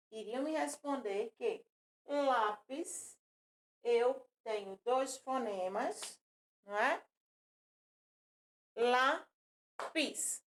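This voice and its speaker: Slow, patient high-voiced woman teacher. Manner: slow, patient, repeats words and counts syllables aloud. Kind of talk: recorded classroom lesson for children.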